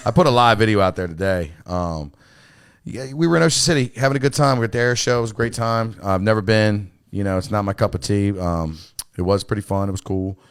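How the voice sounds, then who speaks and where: This man hosts a podcast, chatting in a loose, profane way and repeating "you know what I mean" over and over. His fairly low voice moves quickly with a clean tone, captured in studio quality on a studio mic with no echo.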